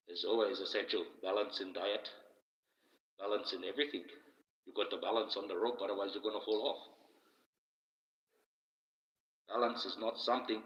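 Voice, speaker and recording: A man playing a deep-voiced, echoing archangel. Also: fairly bright tone. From Australia. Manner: slow, preachy advice with rhetorical questions. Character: solemn archangel giving life advice, male. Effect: added echo for an ethereal voice. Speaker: live streamer reading chat. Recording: echoey, reverberant, dull lo-fi.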